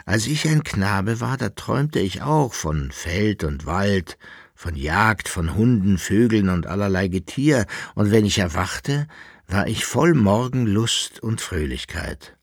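A man's voice: on the low side, lively intonation, slow, gravelly, slightly rough, no room sound, studio quality, exaggerated voice. A man voicing a melancholy old emperor who muses tenderly and calls after a lost love, in a radio reading. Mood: wistful. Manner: musing, yearning, then calling out.

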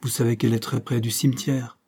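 Guy doing a shy sad young woman, slow, wistful, mellow tone. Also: mid-range voice, level tone, slightly rough. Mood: melancholy. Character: timid melancholy young woman.

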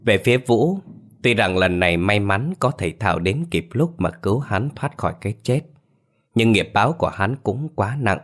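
A man narrating a ghost story in a measured storytelling way. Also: fairly low pitch, animated. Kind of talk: scripted horror narration.

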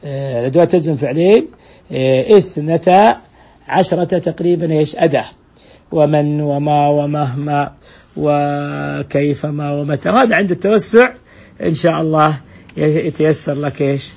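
A man teaches grammar to a class, his voice slightly raised in pitch and somewhat husky. He works through each rule patiently, repeats his examples and keeps asking the students questions. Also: moderate pace, darkish tone.

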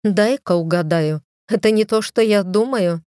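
A defiant young wife with a sharp tongue, voiced by a woman reader in an audiobook. Her voice sits noticeably higher than the narration and drips with sarcasm. The sound is dry and close. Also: normal speed, clear, resonant tone, dry recording, lightly acted. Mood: mocking. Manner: sarcastic, teasing.

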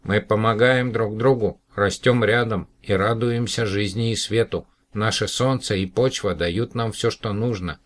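Storybook alien: a tiny proud plant from space, a man doing the voice, formal like a little old man, pitched up. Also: steady tone, measured pace, few pauses, natural voice.

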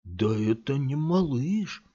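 A man's voice: medium pitch, lively intonation, takes it slowly, mellow, husky, pitched above the performer's own voice. A man voicing a young male street thug in a cap, a mocking and menacing bully. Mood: excited. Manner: mocking, snarling, barked threats. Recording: dull lo-fi audiobook recording.

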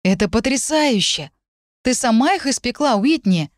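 A woman's voice: fairly high pitch, lively intonation, moderate pace, dry recording, studio quality, pitched above the performer's own voice, natural voice. A woman doing a shy, eager young man. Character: young male blacksmith's son, shy, eager.

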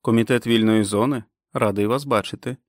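A man playing a calm, kindly doctor who speaks in a measured, reassuring way. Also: lowish voice, no room sound, clean studio sound, natural voice.

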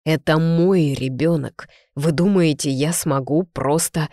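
A proud young man, hoarse and tormented, bites out his words with bitter tension, as the reader plays him. His lines come short and strained. The recording is dry and close. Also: medium pitch, measured pace, darkish tone, dry recording, lightly acted.

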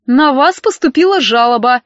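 A woman's voice: high-pitched, animated, normal speed, dry recording. Woman voicing a spiteful, scolding female inspector. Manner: scolding, sneering, loud. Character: spiteful middle-aged female welfare inspector. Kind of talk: audiobook character reading. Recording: dry, dull lo-fi audio.

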